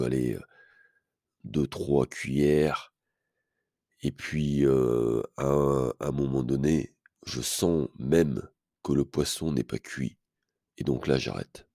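Very deep gravelly man, hesitant. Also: dark tone, no echo, studio quality. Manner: hesitant, many fillers and restarts; blunt, self-assured. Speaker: podcast host. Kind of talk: casual storytelling monologue.

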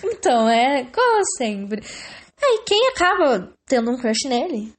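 A woman's voice: high-pitched, sing-song, a little slow. A young woman with a Brazilian Portuguese accent in casual chat, laughing often and swearing casually as she tells stories.

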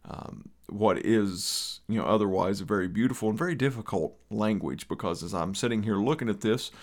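A man's voice: lowish voice, fairly quick. A man with an Eastern Kentucky accent hosting a podcast in a conversational, rambling way with folksy asides. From Eastern Kentucky, USA. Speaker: podcast host.

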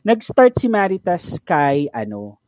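A man's voice: high-pitched, very animated, slow, darkish tone, no room sound, studio quality. A Filipino-accented man chatting casually as a podcast co-host, slipping English phrases into his talk. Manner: chatty, mixing English into Tagalog.

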